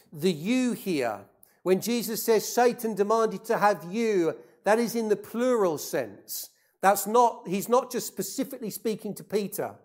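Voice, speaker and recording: A preacher delivering a sermon in a deliberate way, repeating key phrases for emphasis and putting rhetorical questions to the congregation. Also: mid-range voice, mellow.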